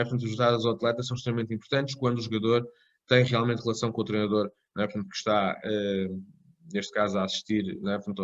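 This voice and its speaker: A man lecturing on a coaching course, rambling with frequent tag questions and restarts. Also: medium pitch. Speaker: tennis coach educator. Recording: dull lo-fi recording.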